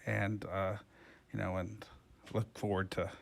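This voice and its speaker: A man commissioner giving brief, halting remarks at a public meeting over a video call, trailing off quietly. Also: sits low, level tone, vocal fry. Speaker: redistricting commissioner.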